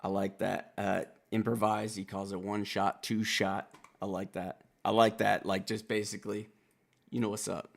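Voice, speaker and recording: A man's voice: fairly low pitch, flat delivery, normal speed, vocal fry, loud music behind the voice. A man reviewing a rap album in casual, profane commentary, calling himself a country boy as he breaks down the lyrics. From Wisconsin. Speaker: music reaction reviewer.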